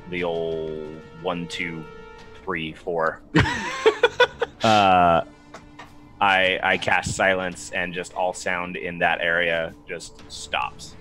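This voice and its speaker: A man playing a tabletop game, talking casually and haltingly as he works out his move. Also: sits low, fairly even intonation, pushed and bright, faint music behind. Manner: halting, working things out as he speaks. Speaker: player in a tabletop RPG. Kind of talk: casual table talk, thinking aloud.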